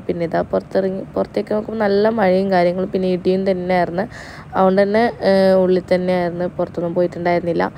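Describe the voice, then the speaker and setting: A young mother chats through her day, throwing in lots of filler sounds. Her voice sits low and stays flat while she talks fast. Clear background noise runs under her voice-over. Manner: chatty, tags sentences with "you know", frequent hesitation sounds. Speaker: vlogger, mother of two small boys.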